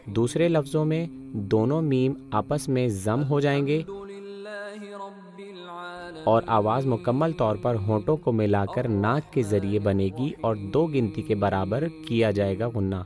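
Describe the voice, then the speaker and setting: A man teaching Quran recitation, explaining pronunciation rules in a calm, methodical, step-by-step way. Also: lowish voice, over music.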